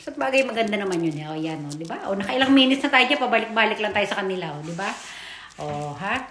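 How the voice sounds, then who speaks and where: A chatty woman talks over her family video, keeping the tone casual and loose. She sits at a mid pitch, and her voice rings a little in a roomy space. She trips over her words now and then and keeps tossing in little tag questions. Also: animated, fast talker, fairly bright tone, a little hiss or hum. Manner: chatty, tags lines with "o, di ba?"; stumbles over words and admits it. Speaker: family vlogger and mother.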